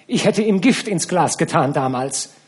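A man's voice: on the high side, animated, moderate pace, pitched above the performer's own voice, natural voice. A man reading a novel aloud, voicing a scornful, indignant young woman.

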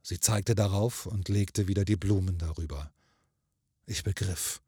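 A man narrating a ghost story in a measured, grave manner. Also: low-pitched, warm tone, slightly rough, no room sound, clean studio sound.

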